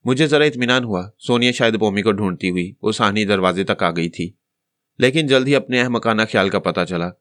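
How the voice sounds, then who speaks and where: A man with an Urdu accent narrating a novel as an audiobook, voicing every character himself in a steady storytelling manner. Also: on the low side, dry recording, clean studio sound.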